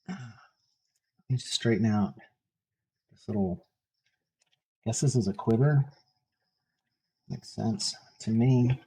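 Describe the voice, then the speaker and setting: Mumbling man with a husky low voice. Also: slow, pauses often, warm tone, low-quality recording. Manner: mumbling, wry, sarcastic asides. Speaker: tattoo artist. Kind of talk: casual talk while working. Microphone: stand mic set for standing.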